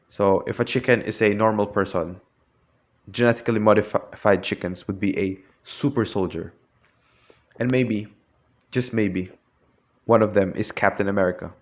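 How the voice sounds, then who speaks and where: Hesitant young man giving a talk. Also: on the low side. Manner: hesitant, frequent restarts and fillers. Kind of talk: prepared classroom talk.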